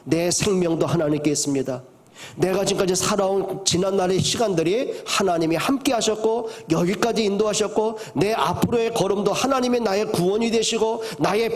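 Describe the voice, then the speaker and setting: An older man, a pastor, preaching a sermon, moving from soft to loud and asking the congregation questions. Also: sits high, normal speed.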